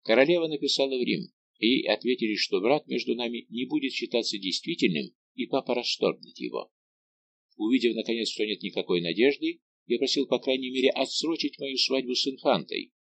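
A man's voice: medium pitch, animated, fairly quick, gravelly, a bit bright. A man reading an audiobook, voicing a young king torn between love and duty, speaking in an anguished, earnest way.

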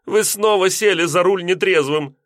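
A man voicing a fussy, proper middle-aged landlady who scolds in a shrill, exclamatory voice. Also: animated, normal speed, fairly bright tone, no room sound, studio quality. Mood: scolding.

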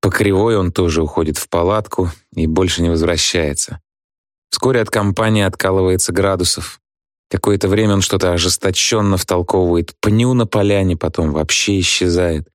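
A man narrating a story calmly in the first person, as an audiobook reader. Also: low voice, no room sound, clean studio sound. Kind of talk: scripted narration.

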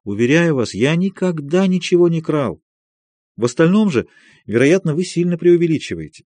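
A man voicing a soft-spoken, meek old doctor. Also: on the high side, sing-song, moderate pace, dry recording, pitched above the performer's own voice. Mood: placating. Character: gentle, meek older male doctor. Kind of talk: audiobook character reading.

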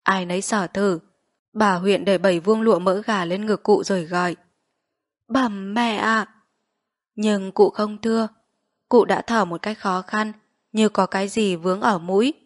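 A woman narrating a literary short story in a measured, steady reading voice. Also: mid-range voice, dry recording, studio quality.

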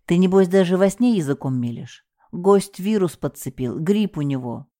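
A woman's voice: lowish voice, animated, normal speed, warm tone, natural voice. A woman voicing a bossy, scheming middle-aged female hotel manager who gives curt, commanding orders. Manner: curt, commanding, falsely soothing.

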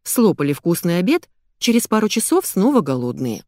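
Brief: expressive female audiobook narrator, lowish, very dry recording. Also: normal speed, dry recording. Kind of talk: scripted first-person narration.

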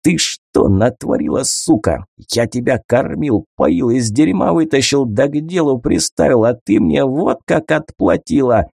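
A man's voice: mid-range voice, expressive, measured pace, creaky, hardly any pauses, a little mellow, husky, dry recording, studio quality, exaggerated voice. Man doing a snarling, brutal male gang leader. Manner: snarling threats, shrieking, pleading.

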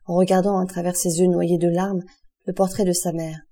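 A woman narrating a classic novel as an audiobook in a steady, measured reading. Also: on the low side. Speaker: audiobook reader.

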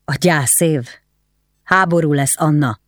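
A narrator voicing a grieving, duty-bound nobleman who speaks gravely and sometimes in a whisper, in an audiobook. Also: on the high side, fairly bright tone, no room sound, clean studio sound, natural voice.

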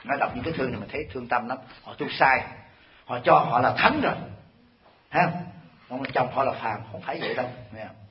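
A man giving a Buddhist sermon to an audience, telling stories and firing rhetorical questions at his listeners in an animated, scolding way. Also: mid-range voice, fairly quick, slight background noise. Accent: Vietnamese. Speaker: Buddhist monk teacher. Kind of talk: dharma talk sermon. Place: temple hall. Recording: echoey hall, dull lo-fi sound.

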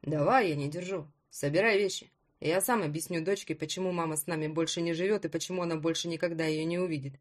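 A woman reading an audiobook voices a cold, dismissive husband in a lowered voice. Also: fairly even intonation, fast, hardly any pauses. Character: cold, smug husband, adult man.

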